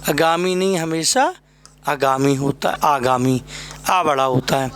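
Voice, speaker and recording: A man's voice: fairly high pitch, measured pace, a bit bright, faint music behind. A man teaching a Hindi spelling class for exam students, drilling each word over and over and checking in with tag questions. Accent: Hindi from north India. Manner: addresses students fondly as "बेटा" and "भाई मेरे". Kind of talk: spelling lesson at a board.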